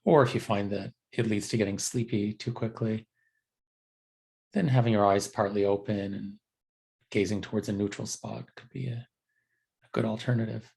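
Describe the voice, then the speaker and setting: This man's voice sits on the low side, steady in tone with a creaky quality, as he teaches a guided body scan. He talks gently and without hurry, pausing often and clearly not reading from a script.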